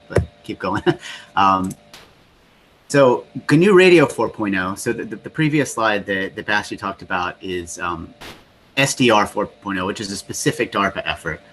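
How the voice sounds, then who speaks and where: A man's voice: sits low, normal speed, fairly bright tone. A man giving a technical talk on a video call through a laptop mic next to its whirring cooling fans, explaining with frequent restarts. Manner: explanatory, restarts often with "you know". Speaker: software developer presenting. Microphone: laptop built-in mic next to the cooling fans. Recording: laptop fan noise under the voice.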